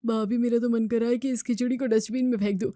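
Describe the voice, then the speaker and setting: A woman's voice: on the high side, fairly even intonation, quick pace, warm tone, dry recording, close to an everyday voice. Woman doing a whiny young guy, fussy and complaining, dry sound. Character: whiny young male family member.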